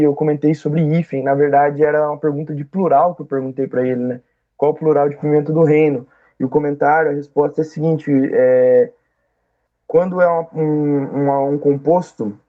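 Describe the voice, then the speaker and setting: A man's voice: fairly high pitch, phone-quality sound. A man acting as an oral exam examiner, giving patient, explanatory feedback and checking often that he is understood.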